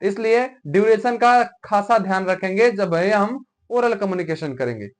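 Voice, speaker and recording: High-voiced man teaching a class. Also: expressive, normal speed. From Uttar Pradesh, India. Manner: repetitive, checks understanding with rhetorical questions. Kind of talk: classroom lecture.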